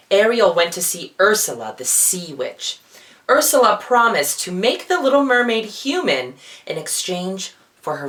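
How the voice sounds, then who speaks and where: A drag performer working as a storyteller reads a children's book dramatically and theatrically, slipping in playful asides. The voice sounds feminine, mid-range, and a bit bright.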